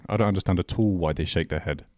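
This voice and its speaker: A man's voice: low voice, quick pace, darkish tone, dry recording, studio quality. A man co-hosting a podcast in casual chat, laughing often and restarting his sentences. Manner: laughing, stumbling restarts, slangy. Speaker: podcast co-host.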